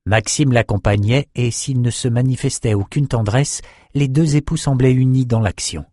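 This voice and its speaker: A man narrates an audiobook at a steady, measured pace, with a mid-pitched voice. The recording is close and dry, with no room sound. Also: no room sound.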